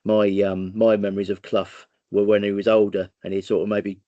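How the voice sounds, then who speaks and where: A man's voice: on the low side, flat delivery, fairly quick, dark tone, dry recording, highs cut off. A man hosting a casual interview in a blokey, rambling way, full of tag questions. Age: 40s. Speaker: host, club interviewer. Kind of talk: casual chat.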